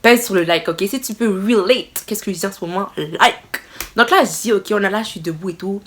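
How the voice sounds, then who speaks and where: A young woman telling a casual storytime to her viewers, expressive and exclaiming as she retells the scene. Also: medium pitch, fairly quick, a little hiss or hum. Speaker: vlogger.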